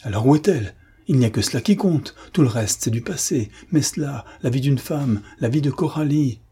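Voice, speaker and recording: A man voicing a fiery young army officer who speaks in forceful, aggressive outbursts, in an audiobook reading. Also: on the low side, steady tone, normal speed, slightly rough. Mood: urgent.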